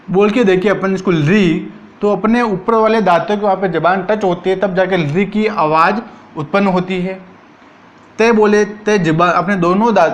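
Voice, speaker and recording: A man teaching an exam-prep Hindi grammar lesson, asking each point as a question and answering it himself, drawing out the sounds as he recites them. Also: high voice. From Rajasthan, India. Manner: drawn-out syllables while reciting sounds.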